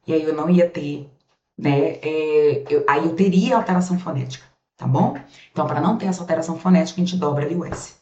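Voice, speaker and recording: A woman's voice: sits low, darkish tone. A Brazilian woman teaches grammar in a chatty, friendly way. She talks straight to her class, asking their questions for them and then answering them. Her voice comes from a camera set up in an echoey room, with a slightly muffled, dull tone. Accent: Brazilian Portuguese. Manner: chatty, calls students "gente" and "amores", asks questions for them and answers them; spells out sounds slowly while writing. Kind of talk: recorded classroom lesson. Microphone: camera set up in front of her. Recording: roomy, slightly dull sound.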